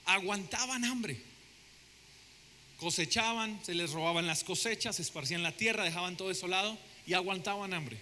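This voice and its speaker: Preacher guy, sharp bright tone, dramatic sermon, quiet hiss behind. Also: high voice, normal speed, long reverb tail. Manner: dramatic, asks the congregation questions. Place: church sanctuary.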